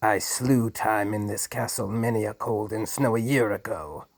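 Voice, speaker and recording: A man voicing a cruel, cold old duke villain who snarls, rasps and screams. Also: on the low side, fairly even intonation, moderate pace, no echo. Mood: screaming rage.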